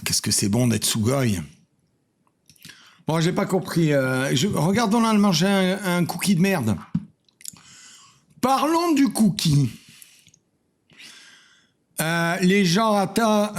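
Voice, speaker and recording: Man, gravelly voice, comedic reaction host, shouts and mutters, home studio. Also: lively intonation, slow, pauses often. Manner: shouts exclamations, swings from bellowing to low mumbling. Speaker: cooking channel host reacting to a video. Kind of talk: excitable comedic reaction commentary.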